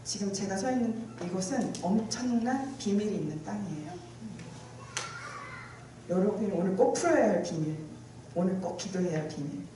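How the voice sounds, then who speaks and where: A woman's voice: medium pitch, animated, moderate pace, noisy background. A woman giving a personal testimony at a church retreat. She tells her story with emotion and acts out her own past words. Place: large echoey church hall. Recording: very echoey hall, voice from far off.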